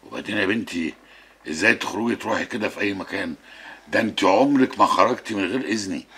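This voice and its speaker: An actor playing a stern, quick-tempered Egyptian husband and father who interrogates and shouts at his family. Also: fairly low pitch. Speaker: family patriarch. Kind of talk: TV drama acting. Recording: roomy TV drama with loud score.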